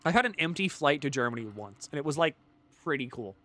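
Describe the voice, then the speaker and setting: A man with a cold chatting casually while streaming a game, rambling and swearing, swinging from mumbled asides to loud jokey bits. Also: on the high side, expressive, quick pace. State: has a cold. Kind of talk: casual gaming stream chat.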